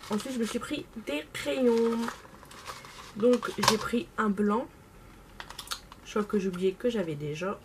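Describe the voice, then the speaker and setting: A woman's voice: medium pitch, measured pace, pauses often, background noise. Enthusiastic young woman chatting about makeup. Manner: enthusiastic, repeats words for emphasis. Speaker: beauty vlogger. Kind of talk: casual haul video chat.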